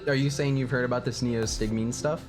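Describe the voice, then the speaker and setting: A man's voice: mid-range voice, fairly quick. A man streaming a video game, chatting casually, laughing and reading game lines aloud. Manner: animated, giggly, reads game lines aloud. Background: faint game music.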